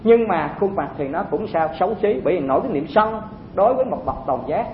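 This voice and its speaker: A man's voice: lively intonation, fast. A man giving a dharma talk to monks, in a conversational way with rhetorical questions. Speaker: Buddhist teacher addressing monks. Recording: echoey, phone-like sound with faint rumble.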